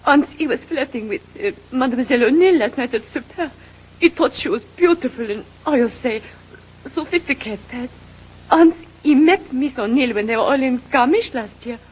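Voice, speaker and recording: An actress playing a tearful young French maid in an old-time radio drama, speaking halting broken English with a French accent. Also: female voice, high-pitched, lively intonation, husky, low-quality recording.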